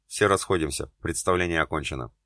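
A man's voice: extremely low pitch, fast, a bit bright, dry recording, clean studio sound. A man reading an audiobook, voicing a conflicted man who talks in a curt, bitter way. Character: conflicted, curt man fighting his feelings.

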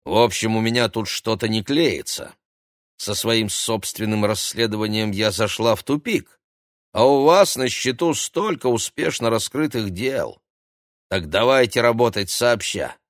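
A man's voice: fairly low pitch, unhurried, dry recording, studio quality, voice pushed up, lightly acted. A man voicing a brash, scheming female TV reporter who is pushy and domineering, in an audiobook. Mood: pushy, mocking. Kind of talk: audiobook character voice.

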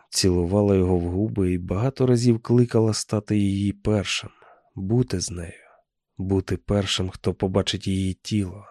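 Calm male audiobook narrator. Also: gravelly, dry recording, studio quality. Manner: calm, measured, low-key reading.

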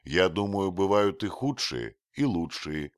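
A man voicing a blunt, hot-tempered young archer who speaks loudly and forcefully in a read-aloud story. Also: deep voice, big pitch swings, unhurried, clean tone, no room sound, studio quality, pitched above the performer's own voice. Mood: gruff. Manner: loud and forceful.

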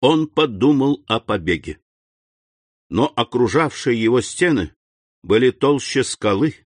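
Male narrator, expressive and animated, dry close sound. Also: medium pitch, measured pace, no room sound. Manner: expressive storytelling. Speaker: audiobook reader. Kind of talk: scripted narration.

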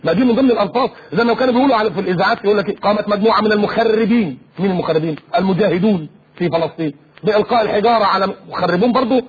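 A man with an Egyptian accent preaching on the radio in an animated way, often mimicking other people's voices. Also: high-pitched. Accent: Egyptian Arabic. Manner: rapid, animated, mimics voices mid-talk. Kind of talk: lively preaching talk. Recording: dull lo-fi radio recording.

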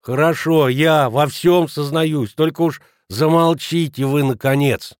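A man's voice: fairly high pitch, measured pace, dry recording, studio quality, pitched above the performer's own voice, lightly acted. A man doing a whining, sleepless villager. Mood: pleading. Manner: whining, pleading. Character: tired, pleading older village man.

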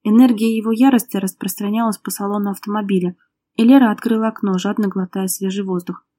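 A woman's voice: mid-range voice, steady tone, fast, dark tone. A woman reading an audiobook, narrating a tense domestic drama in a dramatic storytelling manner. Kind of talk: scripted narration.

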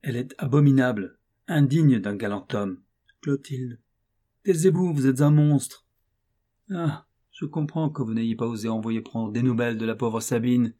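A man's voice: mid-range voice, a little fast, breathy edge, close to an everyday voice. Man voicing a vehement viscountess. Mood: indignant. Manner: indignant and forceful. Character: vehement, excitable aristocratic woman, a viscountess.

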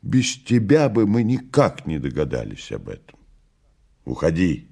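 Низкий, неторопливый голос властного дьявола, которого играет мужчина. Он говорит скупо и язвительно, с холодной усталостью. Голос звучит заметно ниже обычного голоса чтеца. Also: male voice, sits low, wildly swooping pitch, creaky, warm tone, breathy edge, exaggerated voice. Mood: cold. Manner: slow, curt, sardonic. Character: imperious male devil, cold and weary.

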